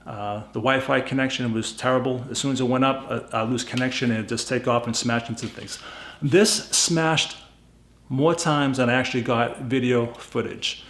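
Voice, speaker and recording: A man's voice: medium pitch, steady tone, normal speed, fairly bright tone. Emphatic Boston-accented man in an echoey room. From New England, USA. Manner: plainspoken, emphatic, repeats himself for stress. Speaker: YouTube gadget reviewer. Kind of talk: casual unscripted product review to camera.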